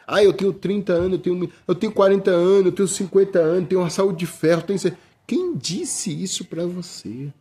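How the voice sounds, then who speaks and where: A middle-aged Brazilian man with a high, fairly quick voice, warm in tone with a breathy edge, preaches an informal sermon in a Brazilian Portuguese accent. He talks conversationally, often calling his listeners "brother," and restarts his sentences a lot.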